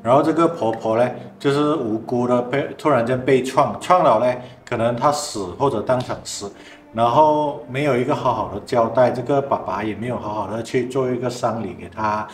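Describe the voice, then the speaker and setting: A man, a spiritual master co-host, calmly explaining and reacting in casual chat. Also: mid-range voice, fairly quick, reverberant, slight background noise. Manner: calm, reacts with short interjections then explains.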